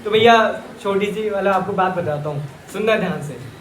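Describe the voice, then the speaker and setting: A man's voice: high-pitched, normal speed, a little hiss or hum. A man from Rajasthan teaching Jain scripture to a live audience in a chatty, joking way, often calling his listeners brother. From Rajasthan, India. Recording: echoey hall with faint ambience.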